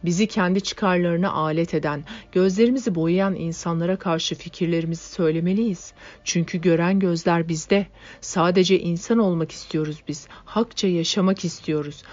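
Brief: a woman doing a gentle, earnest young man, low voice, muffled audiobook sound. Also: steady tone, normal speed, hardly any pauses, natural voice. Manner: soft-spoken, earnest. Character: calm young male worker-idealist.

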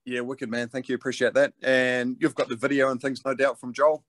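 A man's voice: medium pitch, little pitch movement, fairly quick, a bit bright, dry recording. A man with a broad New Zealand accent chatting casually in an interview, laid-back and matey. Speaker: interviewed rock band lead singer.

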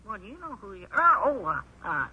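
A man playing an excitable, simple-minded country storekeeper and deputy marshal, with a twangy drawl and a habit of malapropisms. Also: brisk, breathy edge, exaggerated voice. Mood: riled folksy. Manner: high twangy drawl, malapropisms, easily riled. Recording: dull lo-fi old radio recording.

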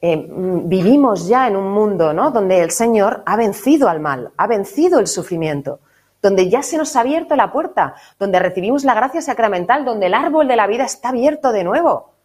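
A woman's voice: mid-range voice, moderate pace, husky. Chatty woman teaching faith. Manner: lively, conversational, tags phrases with "¿no?". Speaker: catechism course teacher. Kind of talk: casual spiritual talk.

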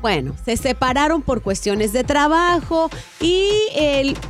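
A woman presenting celebrity gossip on a radio show in a playful, expressive, chatty way. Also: high-pitched, slow pace, soft background music.

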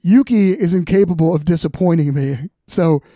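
A man's voice: a little high, normal speed, mellow, no room sound. A man co-hosting a podcast in casual sports chat, close on the mic. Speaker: podcast co-host.

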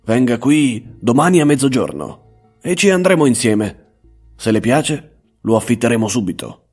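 A man voicing a blunt, self-assured young male detective in a measured, matter-of-fact tone. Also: mid-range voice, expressive, darkish tone, slightly rough, soft background music. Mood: brisk.

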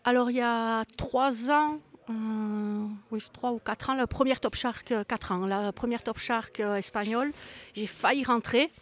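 Woman poker pro from southern France; Spanish-tinged accent, halting and chatty. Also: a little high. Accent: southern French with a Spanish tinge. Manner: hesitant, many fillers, light laughs. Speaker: guest, professional poker player. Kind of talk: interview answers.

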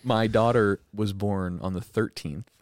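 Lowish-voiced man joking casually. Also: steady tone, a little slow, a little mellow, no room sound, clean studio sound. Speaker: game contestant. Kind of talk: casual podcast chat.

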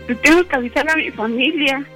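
A timid, tearful young woman , put on by a man in a radio prank call. The voice is very high and bright and keeps halting as she pleads. Faint music sits underneath. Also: fairly even intonation.

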